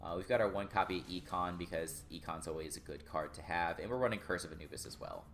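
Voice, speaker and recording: A young man casually explaining his card game deck, relaxed and full of filler words. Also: low voice, quick pace, a little hiss or hum. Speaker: gaming YouTuber.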